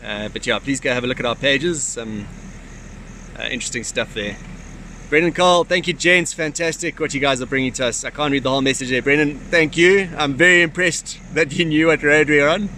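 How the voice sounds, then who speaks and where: A man's voice: fairly high pitch, fairly quick, bright, forceful tone. A man chats casually and appreciatively to livestream viewers, with hesitant phrasing. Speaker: livestream co-host behind the camera. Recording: faint vehicle and outdoor noise, phone.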